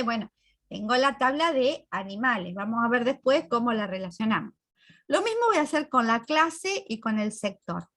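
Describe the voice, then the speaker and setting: Woman teacher, on a computer mic, fairly high voice, explains patiently and keeps asking if the class follows. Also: a bit bright. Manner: explains step by step, checks in with students. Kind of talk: recorded class walkthrough.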